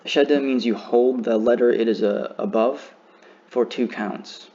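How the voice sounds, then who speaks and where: A man teaching a beginner lesson, slowly and carefully demonstrating how each word is pronounced. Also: mid-range voice, warm tone, lo-fi sound. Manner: slow, careful demonstration of pronunciation.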